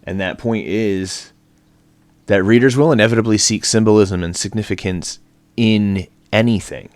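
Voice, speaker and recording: A man's voice: on the low side, moderate pace, dry recording. A man teaching an online class from home, chatty and casual, with many fillers and restarts. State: out of breath. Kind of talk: recorded online lecture.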